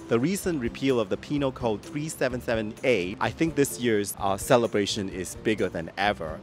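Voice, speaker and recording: A bubbly Malaysian man hosts a street interview outdoors. His pitch swoops up and down as he exclaims, and faint music plays behind him. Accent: Malaysian English. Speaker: vlogger host interviewing people. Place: outdoor park event.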